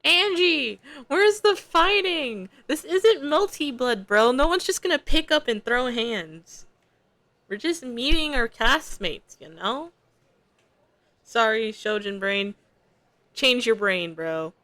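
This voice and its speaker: Reading game text from a visual novel, a young female streamer adds casual, slangy commentary between lines of narration. She speaks slowly and expressively in a fairly high, slightly bright voice, recorded close and dry with no room sound.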